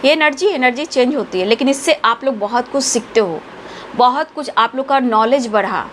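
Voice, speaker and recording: A woman's voice: a little high, expressive, normal speed, fairly bright tone, a little hiss or hum. A woman tarot reader, giving spiritual guidance to her viewers in an earnest, affectionate, preachy way.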